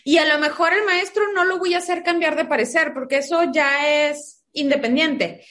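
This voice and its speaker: A woman with a high voice speaks as a guest in an interview, talking as a mother. She explains her views through lively anecdotes and often acts out the dialogue in them. Her delivery is conversational and animated. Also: moderate pace. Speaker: guest, a mother of school-age children.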